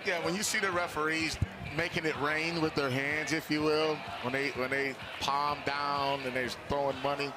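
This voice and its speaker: A man's voice: a little high, fairly even intonation, normal speed. A man giving conversational color analysis during a live football game, explaining plays informally. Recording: clear stadium background noise. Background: outdoor stadium ambience.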